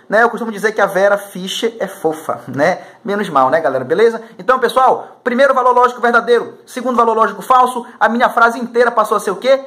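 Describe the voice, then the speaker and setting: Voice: mid-range voice, fairly bright tone. Slangy teacher. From Macapá, Brazil. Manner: casual, slangy, keeps checking in with students. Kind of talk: recorded math lesson for exam prep.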